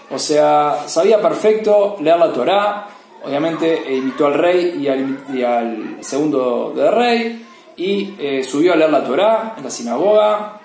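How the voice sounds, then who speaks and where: Halting man telling a Torah story. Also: on the high side, a little mellow, echoey room, a little hiss or hum. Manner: halting, with many restarts and fillers. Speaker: Torah teacher. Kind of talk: storytelling lesson.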